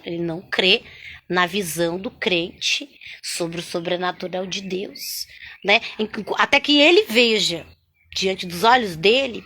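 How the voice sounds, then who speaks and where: A woman sharing a spoken religious testimony, chatty and animated, constantly tagging her sentences with little questions to the listener. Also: on the high side. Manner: chatty, constant "né?" and "sabe?" tags; animated, swings between loud and hushed.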